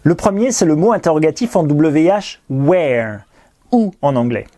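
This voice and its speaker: A man's very animated, brisk voice, on the high side with a dark tone, guides a recorded English grammar lesson. He explains clearly and patiently and repeats pronunciation drills.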